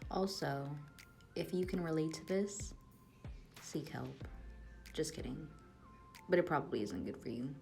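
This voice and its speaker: A woman's voice: deep voice, animated, unhurried, creaky, pauses often, warm tone, soft background music. A young woman narrating a casual vlog as a barista, chatty and slangy, often joking about herself. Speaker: barista vlogger.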